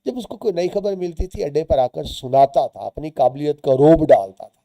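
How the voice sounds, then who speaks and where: Dark-voiced teacher explaining a story. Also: male voice, fairly high pitch, expressive, normal speed, creaky, no room sound. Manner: explains words and lines as he reads. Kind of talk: reading and explaining a short story to students.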